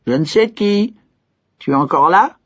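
A man voicing a simple-minded young peasant hero, calling out in a high excited voice. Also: unhurried, husky, full character voice. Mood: eager. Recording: dull lo-fi recording.

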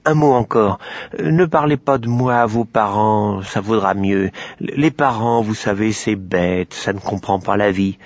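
A man voicing a sly little male pig who swallowed a star, pleading and fussy, with hesitant pauses. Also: on the low side, dry recording. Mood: scheming. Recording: dry, slightly dull lo-fi recording.

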